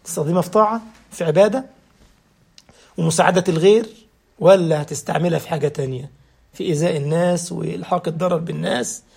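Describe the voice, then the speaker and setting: A man's voice: a little high, fast, creaky, long pauses, darkish tone, slightly rough. A man with an Egyptian Arabic accent, giving a humorous religious talk as a preacher and laughing through his jokey anecdotes.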